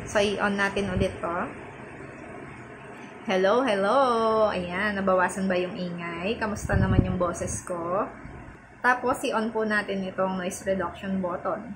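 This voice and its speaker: A woman's voice: mid-range voice, steady tone, normal speed, background noise. Chatty woman reviewing a budget mic. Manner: polite and chatty, sprinkling Taglish and respectful particles; repeats test phrases while comparing mic on and off. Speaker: vlogger reviewing a microphone. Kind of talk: casual product review vlog.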